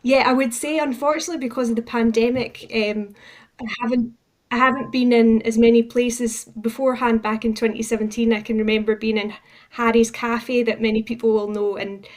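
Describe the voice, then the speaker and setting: A charity campaigns manager, interviewed on the radio, speaks briskly in a fairly high, steady voice. Her manner is earnest and appreciative, and the conversation is informative.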